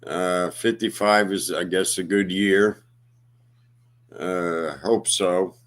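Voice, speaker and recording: Slow, halting man in his fifties. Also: deep voice, steady tone, a bit bright. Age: 50s. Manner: slow, halting, many fillers. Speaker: livestream host. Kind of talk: casual livestream chat.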